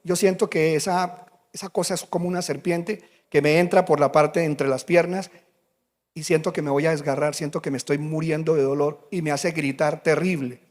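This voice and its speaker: A man's voice: fairly high pitch, fairly even intonation, moderate pace, a little mellow, lightly acted. A man voicing a desperate young man who begs a pastor for help, retold within a sermon. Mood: pleading. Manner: pleading.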